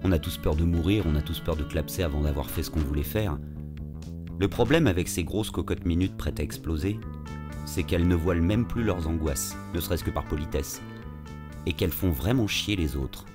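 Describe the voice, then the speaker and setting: Deep-voiced man with a slushy s. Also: moderate pace, over music. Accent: French from France. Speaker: podcast narrator and actor. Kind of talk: scripted first-person storytelling with acted dialogue.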